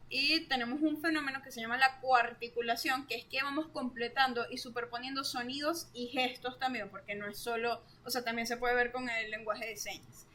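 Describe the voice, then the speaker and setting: A woman's voice: on the high side, pushed and bright. A young woman explains course material in a casual, chatty way, full of fillers.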